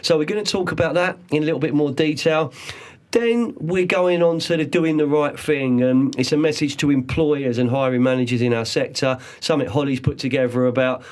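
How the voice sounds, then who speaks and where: A man in his forties, hosting a podcast in a studio with casual, upbeat showmanship and slow, drawn-out emphasis. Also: on the high side, a little mellow. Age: 40s. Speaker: podcast host.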